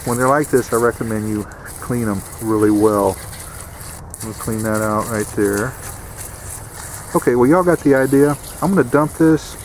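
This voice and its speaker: A man's voice: mid-range voice, slight background noise. A man giving a plain-spoken, folksy how-to demonstration outdoors, repeating his warnings. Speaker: DIY home repair instructor. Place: outdoors beside an air conditioner unit.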